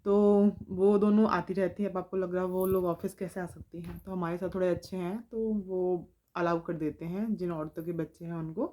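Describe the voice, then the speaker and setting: A woman's voice: on the low side, dark tone. A woman vlogger telling a funny everyday story in a casual, chatty way, often laughing as she talks.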